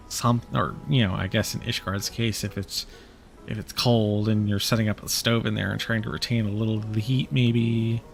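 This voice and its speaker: A man's voice: mid-range voice, vocal fry. A man streaming a game, reading its dialogue aloud and rambling with self-mocking jokes.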